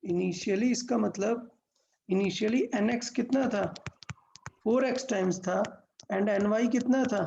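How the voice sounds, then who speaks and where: A woman's voice: mid-range voice, slow pace, gravelly, mellow, lo-fi sound, slight background noise. A woman teaching a physics lesson step by step, asking questions and answering them herself, mixing English terms into Hindi.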